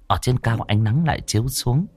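A man narrating a ghost story in a lively, expressive way. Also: medium pitch, fairly quick, slightly rough. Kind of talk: scripted narration.

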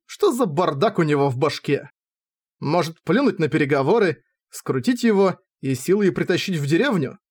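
Male audiobook reader, high-pitched, very animated delivery, wry tone. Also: moderate pace, slightly rough. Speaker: audiobook narrator. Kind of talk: first-person novel narration.

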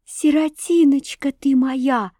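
A woman voicing an impulsive, proud young princess who talks emotionally and bursts into excited outbursts. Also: a little high, measured pace, no room sound, clean studio sound. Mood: tender. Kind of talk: audiobook reading.

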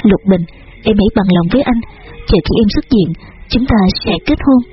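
Guy voicing a choked up young man pleading, husky voice, faint music behind. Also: sits high, fairly quick, close to an everyday voice. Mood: tender. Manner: desperate, pleading. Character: anguished young man pleading his love. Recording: dull lo-fi audio with faint music.

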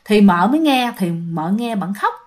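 A woman narrating a ghost story, animated and talking directly to her listeners. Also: mid-range voice, moderate pace.

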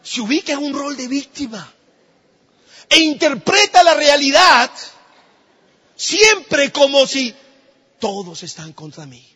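A man preaching a sermon in a church, telling stories with lively, animated delivery that swells into shouts. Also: very high-pitched, slow, long pauses. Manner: animated storytelling, rising to shouts at the climax. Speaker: pastor. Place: church hall. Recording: dull, echoey church hall recording.

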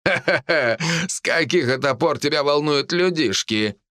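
A man's voice: on the high side, animated, a little slow, no echo, studio quality. A man doing a boastful archer leader. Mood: defiant. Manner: boastful, defiant, shouting. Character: arrogant male archer, mercenary leader.

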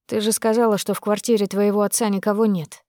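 A woman's voice: medium pitch, flat delivery, fast talker, dark tone, dry recording, natural voice. A woman narrator reads a contemptuous young man. His lines come out curt and cold. The recording is dry.

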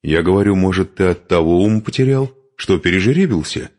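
A man voicing a mocking, quarrelsome young Norse warrior woman in an audiobook, with a husky, sharp-tongued voice. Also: sits low, big pitch swings, normal speed, voice pushed up.

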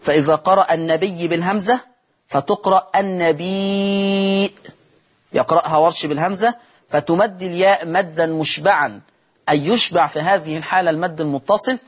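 A man with an Egyptian accent teaching Quran recitation on television, moving between quick explanation and slow, drawn-out chanted verses. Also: a little high, husky. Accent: Egyptian Arabic. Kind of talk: televised tajweed lesson.

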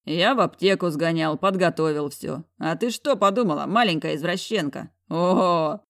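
A woman's voice: on the low side, normal speed, lightly acted. Woman voicing a brash, mocking boss man. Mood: bossy teasing. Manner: teasing, bossy, coarse. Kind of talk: audiobook character voicing.

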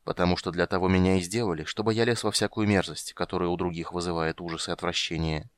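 A man voicing a weary, grim monster hunter in an audiobook, speaking gruffly and bitterly. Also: steady tone, fast talker, dry recording, close to an everyday voice. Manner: gruff, bitter, low-key. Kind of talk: audiobook character reading.

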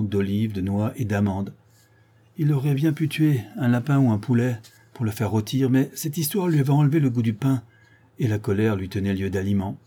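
A man narrating a crime story as an audiobook, in a measured, low-key reading. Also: mellow, husky.

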